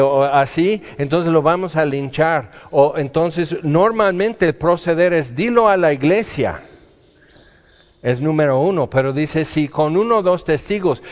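A man's voice: on the high side, a little mellow. A man preaching a humorous, conversational sermon in a church hall. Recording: dull, reverberant hall sound.

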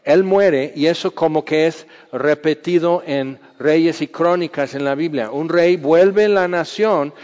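A man preaching a sermon in a conversational way, acting out quoted voices and sometimes dropping to a hush. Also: fairly high pitch, measured pace, hardly any pauses. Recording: dull sound with long hall reverb.

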